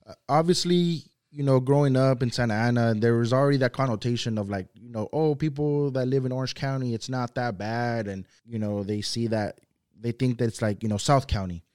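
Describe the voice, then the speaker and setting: Speaking a little fast, this young man from Mexico has a smooth, darkish, mid-range voice. He's a native Spanish speaker guesting on a podcast, and his casual interview talk wanders freely, packed with "like" and "you know."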